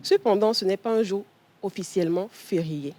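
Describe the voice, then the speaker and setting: A woman with a Togolese French accent calmly explaining a topic as a columnist on a TV talk show. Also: medium pitch, moderate pace. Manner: calm, explanatory, steady. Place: TV studio.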